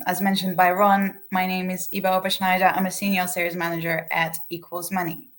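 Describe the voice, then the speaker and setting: A woman's voice: lowish voice, a bit bright. A young woman from Estonia, giving a business webinar and reading from a prepared script. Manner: reads a prepared script evenly. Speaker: webinar speaker, sales manager.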